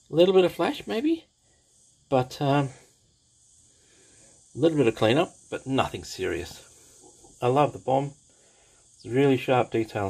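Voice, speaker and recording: Behind an overhead camera at his hobby desk, a man talks slowly and unhurriedly through a scale model kit in a casual, unscripted review. He's enthusiastic, often repeats his praise, and pauses with small fillers. His mid-range voice has a darkish tone, and the recording quality is low.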